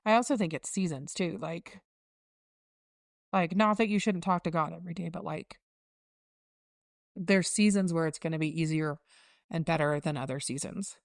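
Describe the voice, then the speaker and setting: Low-voiced woman musing on faith. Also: normal speed, pauses often, dry recording, clean studio sound. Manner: reflective, circling back, teaching tone. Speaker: podcast co-host. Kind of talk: casual faith chat.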